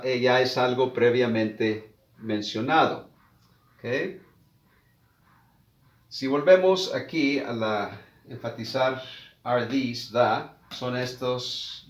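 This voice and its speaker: A man teaching a beginners' language lesson, slowly repeating example sentences and explaining rules. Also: mid-range voice, echoey room. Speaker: English teacher. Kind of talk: slow classroom explanation.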